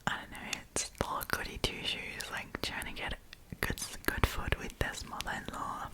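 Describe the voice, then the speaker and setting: A woman hosts an ASMR storytime in a breathy whisper, reading and tossing in casual, chatty remarks. She speaks at a normal speed.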